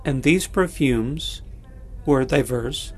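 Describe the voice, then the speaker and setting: A man preaching a sermon and leading a prayer, pausing often with fillers and restarting his sentences. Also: medium pitch, breathy edge. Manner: halting, many fillers and restarts, slow and deliberate. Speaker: pastor.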